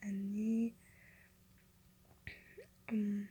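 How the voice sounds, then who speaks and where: A young woman, a non-native Hebrew speaker with a foreign accent, introduces herself in simple, hesitant phrases, searching for words in a breathy voice. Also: medium pitch, level tone, mellow. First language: not a native Hebrew speaker. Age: young adult. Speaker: language learner, university student. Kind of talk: simple self-introduction in a learned language.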